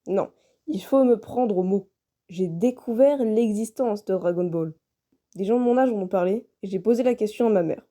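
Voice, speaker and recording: A woman's voice: medium pitch, warm tone. A young woman narrating a personal scripted video in French as its creator.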